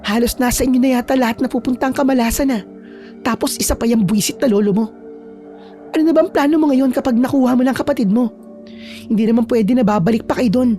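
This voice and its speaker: A woman voicing a feisty young woman who is a loyal friend, talking in a brisk, scolding but reassuring way. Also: fairly high pitch, warm tone, soft background music, natural voice. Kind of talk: storytelling with acted dialogue.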